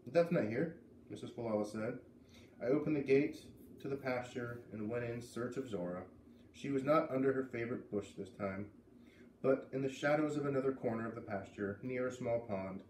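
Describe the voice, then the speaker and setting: Reading a children's novel aloud in his living room, a storyteller in his thirties adds casual asides to the narration. He speaks at a normal speed with a medium pitch and darkish tone, far from a camera mic a few metres off, leaving room echo and faint underlying noise.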